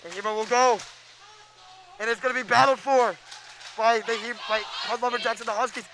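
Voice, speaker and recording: Young male hockey announcer, high, bright gravelly voice, excitable calls, faint noise behind. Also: rough recording. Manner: excitable, fast, stumbles over names. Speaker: play-by-play announcer. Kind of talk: live hockey play-by-play commentary.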